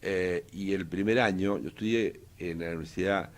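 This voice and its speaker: In a low-pitched voice at a moderate pace, an older economist from Argentina speaks with an Argentine Spanish accent. He answers interview questions in a relaxed, hesitant way, full of fillers and false starts.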